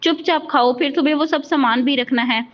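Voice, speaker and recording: A woman's voice: high voice, fairly quick, lightly acted. A woman reading as a curt, arrogant young husband. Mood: curt scolding. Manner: curt, scolding. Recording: dull lo-fi recording.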